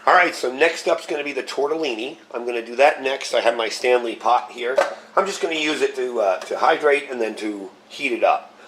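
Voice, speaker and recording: A man who's getting over a cold speaks a little fast in a mid-range, slightly scratchy voice. He hosts a casual cooking vlog, staying relaxed and explaining the process step by step as he works with his gear.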